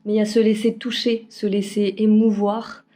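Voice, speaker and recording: Hesitant woman, warm mellow voice. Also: mid-range voice, level tone, normal speed. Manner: hesitant, many fillers and restarts. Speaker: spiritual card reader. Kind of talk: casual weekly energy forecast. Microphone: phone camera.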